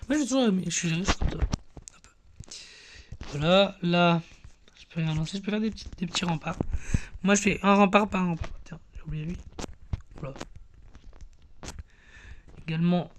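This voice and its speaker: A man's voice: sits high, moderate pace, long pauses, a little hiss or hum. A man hosting a casual gameplay video from his bedroom, rambling and self-deprecating, with lots of fillers. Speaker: gaming channel host. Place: bedroom at home.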